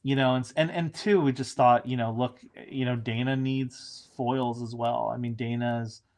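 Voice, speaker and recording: A man's voice: mid-range voice, fairly even intonation, moderate pace. A man, a showrunner, chatting casually in an interview, rambling with frequent restarts and fillers.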